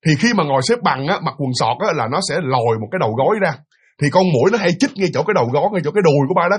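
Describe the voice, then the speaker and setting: Fast, lively man. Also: a little high, husky. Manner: animated, repetitive, conversational. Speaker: storyteller. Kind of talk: casual spoken ghost story.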